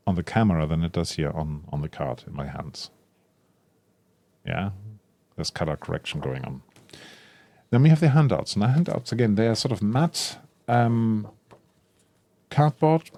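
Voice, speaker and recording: Low-voiced man chatting through an unboxing. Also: warm tone, dry recording. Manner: chatty, thinks aloud with frequent ums and self-corrections; enthusiastic about the product. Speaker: tabletop RPG content creator. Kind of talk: casual unboxing commentary.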